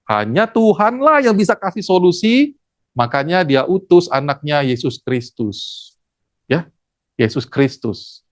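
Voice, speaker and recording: A theology lecturer giving a lively classroom lecture, acting out stories and asking the class questions. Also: mid-range voice, measured pace, no room sound, clean studio sound. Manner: animated, acts out stories, asks the class questions.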